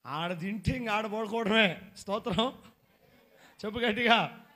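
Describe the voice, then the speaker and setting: A man preaching a sermon, swinging between shouted exhortation and quiet storytelling, and putting questions to the congregation. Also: high-pitched, a little slow. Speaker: pastor.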